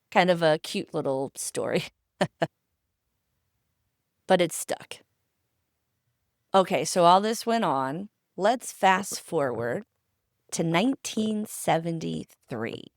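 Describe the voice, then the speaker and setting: A woman hosting a podcast talks through a history story at an unhurried, slow pace. Her voice sits a little low, and she keeps it chatty and conversational, dropping in personal asides. The sound is dry and close, with little room around it. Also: dry recording. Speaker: podcast host.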